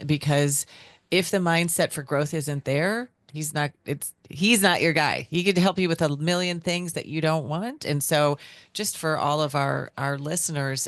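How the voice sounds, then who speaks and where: A woman co-hosting a podcast, talking in an animated, affirming way. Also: low voice, dry recording. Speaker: podcast co-host. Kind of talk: casual chat.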